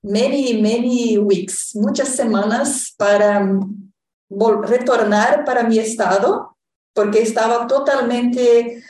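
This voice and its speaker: An echoey, slightly distant recording of a woman. She speaks slowly and with a mellow tone. Her casual sharing is hesitant and drifts between languages. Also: a little high. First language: Portuguese. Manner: hesitant, slipping between Spanish, Portuguese and English. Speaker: panel participant. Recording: echoey room, distant microphone.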